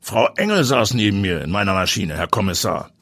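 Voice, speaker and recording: A man voicing a confident, daring journalist and pilot who speaks in a brisk, energetic, self-assured way. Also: fairly low pitch, breathy edge, dry recording, clean studio sound, voice pushed up, exaggerated voice. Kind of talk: audiobook character voice.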